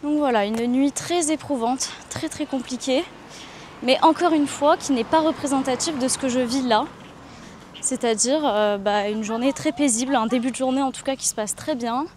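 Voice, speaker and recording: Her high, slightly mellow voice moves at a moderate pace as this French vlogger in her twenties walks outdoors, sharing candid reflections full of hesitations. A faint hiss or hum runs under the casual travel vlog.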